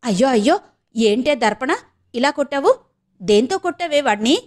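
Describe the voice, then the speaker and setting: A woman's voice: high voice, lively intonation, normal speed. A woman voicing a fussy, worried old grandmother who frets and complains. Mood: fretful. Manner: fretful, complaining.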